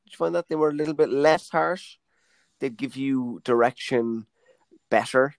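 A man's voice: medium pitch, normal speed, creaky, no echo. A young man, a comedian hosting a casual chat, telling stories and acting out the voices of people he quotes. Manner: animated, acts out quoted voices. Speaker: comedian and podcast host.

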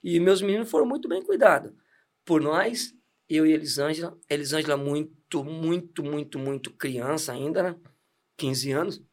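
A man's voice: on the high side, animated, normal speed, darkish tone. A middle-aged man, a deacon telling his life story in a casual, laughing way with many restarts. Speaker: deacon giving testimony. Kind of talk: casual testimony chat.

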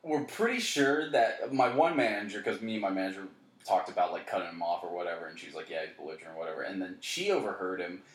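A man's voice: low voice, fast. A young man, a bartender, telling a story in casual chat, swearing freely and acting out what people said. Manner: animated storytelling, swears freely, acts out quotes. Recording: echoey room.

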